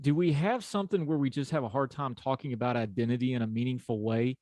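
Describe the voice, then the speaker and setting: Speaking quickly with a darkish tone at medium pitch, this podcast host brings his Appalachian accent from West Virginia to a conversational interview. His manner is folksy and easygoing, and there's no echo on the recording.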